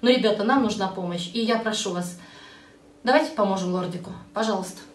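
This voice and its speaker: Her mid-range voice is fast, and the phone recording carries a little hiss or hum. She's a middle-aged animal rescuer with bronchitis, speaking indoors at a vet clinic and in a home room, earnest toward viewers in her casual appeal and tender with the sick puppies.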